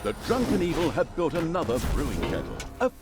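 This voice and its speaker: A man's voice: a little high, very animated, fairly quick, loud music behind the voice. A man playing the wry storybook narrator of a comic fantasy game, droll and theatrical in his scripted delivery. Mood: wry storytelling. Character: wry storybook male narrator mocking an evil army.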